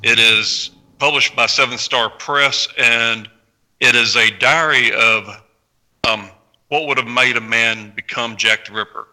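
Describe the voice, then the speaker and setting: An American man from Tennessee casually introducing his work as a panel guest, with halting phrasing. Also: mid-range voice, fairly even intonation, pushed and bright, low-quality recording. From Tennessee, United States. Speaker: novelist, podcast panel guest. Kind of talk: casual spoken book introduction.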